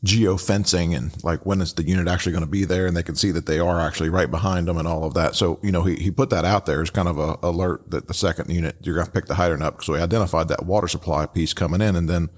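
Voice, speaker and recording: A man's voice: low voice, fairly even intonation, fast talker, few pauses. A man giving casual, explanatory commentary as a host and instructor. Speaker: host and instructor reviewing radio traffic.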